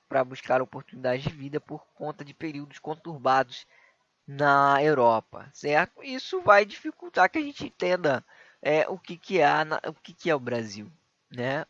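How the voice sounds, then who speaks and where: A man's voice: mid-range voice, expressive, moderate pace, fairly bright tone, no echo, lo-fi sound. A man with a Brazilian Portuguese accent teaching a recorded history lesson for exam prep, explaining step by step, asking himself rhetorical questions and adding tag questions.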